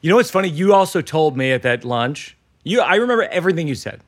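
Brief: man from Massachusetts, comedian host, fairly high lively voice, close dry sound. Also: fast talker, no room sound. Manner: reminiscing, laughs often. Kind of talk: casual conversation.

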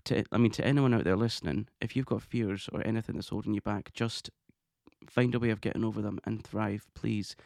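A man hosting his own podcast, talking in a chatty, excitable way and laughing often. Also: on the low side, a little fast, creaky, dry recording, clean studio sound. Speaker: podcast host. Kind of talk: casual monologue podcast.

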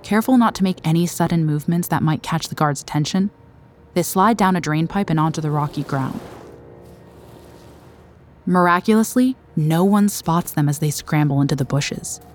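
A woman giving scripted documentary narration, recorded as a studio voice-over, in a measured, dramatic storytelling manner. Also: sits low, slight background noise.

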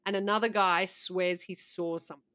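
A woman speaks in a lowish, steady, slightly bright voice at a moderate pace. Co-hosting a casual podcast, she reads stories aloud and breaks in with laughter and playful comments.

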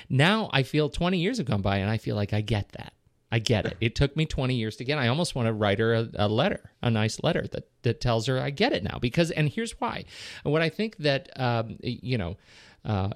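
A man's voice: mid-range voice, no echo, clean studio sound. A middle-aged man co-hosting a podcast, chatting about a film in a rambling, self-interrupting way. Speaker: podcast co-host. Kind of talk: casual film discussion.

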